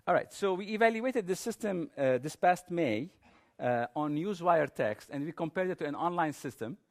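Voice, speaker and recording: A man's voice: fairly high pitch, expressive, normal speed. A man giving a technical conference presentation in an informal, explanatory manner.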